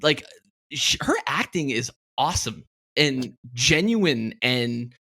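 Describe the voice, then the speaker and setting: A man hosting a casual movie podcast, excitable and laughing a lot, swearing freely as he talks. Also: medium pitch, slow pace.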